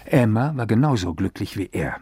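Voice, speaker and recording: A man reading a literary story aloud as narrator, with expressive storytelling. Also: on the low side, normal speed, breathy edge, no echo, studio quality.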